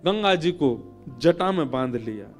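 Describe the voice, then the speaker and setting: A man telling a devotional religious story as a sermon, with expressive, swelling emphasis. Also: on the high side, measured pace, soft background music.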